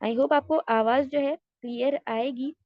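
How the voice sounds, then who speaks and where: A woman's voice: sits high, steady tone, a little slow, dry recording, muffled recording. A woman teaching an online class, explaining each rule patiently and step by step, with English words mixed in. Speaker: Tajweed teacher.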